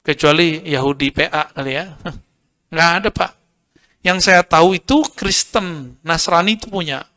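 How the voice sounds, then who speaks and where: A man's voice: on the high side, normal speed, pauses often, pushed and bright. A man giving an informal religious lecture, joking, chatting with the audience and quoting Arabic verses. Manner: joking, conversational, quotes Arabic and addresses audience as Pak. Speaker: Islamic preacher.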